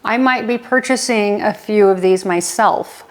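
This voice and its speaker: A woman's voice: medium pitch, a little slow. Enthusiastic woman hosting a decor vlog. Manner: enthusiastic, chatty, emphatic. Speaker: interior designer and channel host.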